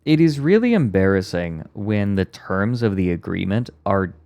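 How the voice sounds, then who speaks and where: Low, dark man talking muffled under a blanket. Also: expressive, moderate pace, no room sound. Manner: rambling and explanatory, wry asides. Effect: muffled under a blanket for sound deadening. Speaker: streamer reacting to a video. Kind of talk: casual stream chat. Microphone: close mic inside a blanket fort.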